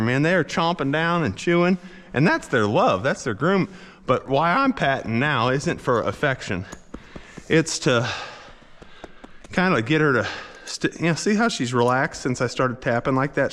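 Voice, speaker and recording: A man working as a horse trainer, coaching a rider in a folksy, encouraging way and cooing softly to the horse. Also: medium pitch, very animated, normal speed, big-room sound. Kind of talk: instructional coaching.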